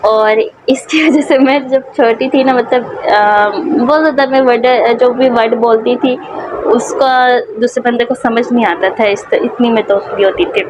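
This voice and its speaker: A woman's voice: on the high side, steady tone, measured pace, background noise. Breathless Pakistani woman vlogging. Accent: Pakistani Urdu. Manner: soft, rambling, many fillers. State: short of breath from a sore throat. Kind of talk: casual personal vlog.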